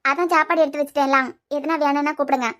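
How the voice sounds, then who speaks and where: A woman voicing a heartbroken young wife in a cartoon, speaking in a quiet, wounded way. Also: sits high, steady tone, rapid-fire. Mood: cold. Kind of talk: cartoon voice acting.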